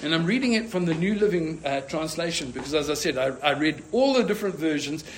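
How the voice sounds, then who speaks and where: A man's voice: fairly high pitch, animated, fast talker, slight background noise. A man preaching a sermon as pastor, earnest and often restarting with fillers.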